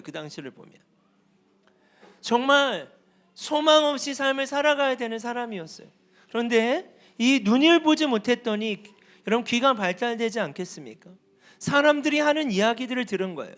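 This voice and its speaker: A man preaching a sermon as pastor, asking his congregation questions and building to loud, impassioned peaks. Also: very high voice. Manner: rhetorical questions, rising to shouts at climaxes.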